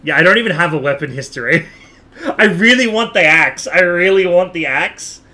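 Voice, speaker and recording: While streaming a game, a man chats casually in an animated, high-sitting voice with a sharp tone at normal speed. He rambles and thinks out loud, letting the occasional casual swear slip. Background noise is noticeable.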